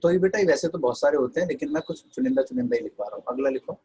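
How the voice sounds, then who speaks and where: A man's voice: on the high side, racing, a little mellow, breathy edge, rough recording. An Indian man teaching an online English class, mixing Hindi with English and dictating notes to his students.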